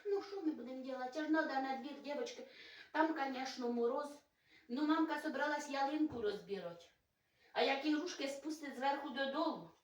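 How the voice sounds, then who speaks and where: Woman, high and sing-song, coaxing her dogs in baby talk; off-mic, echoey room. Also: fairly quick, distant mic. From Ukraine. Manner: cooing baby talk to pets, playful and coaxing. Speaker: village vlogger. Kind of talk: casual home vlog, talking to her dogs. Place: indoors at a village home. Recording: roomy, from away from the mic.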